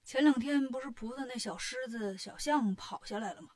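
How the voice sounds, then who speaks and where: A woman voicing a genial old male god of longevity in a storybook tale, talking low, mild and chatty. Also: brisk, a little mellow, close to an everyday voice.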